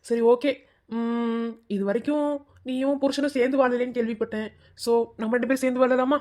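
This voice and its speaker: A man's voice: extremely high pitch, little pitch movement, a little fast, mellow. A man playing a cocky, teasing young kidnapper with a mocking manner in a comic melodrama. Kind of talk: melodramatic comic story dialogue.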